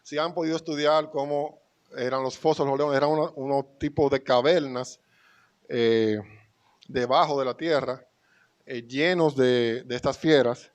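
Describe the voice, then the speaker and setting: A man with a Dominican Spanish accent preaching a sermon to his congregation, reading scripture aloud with rising emphasis. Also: mid-range voice. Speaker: pastor.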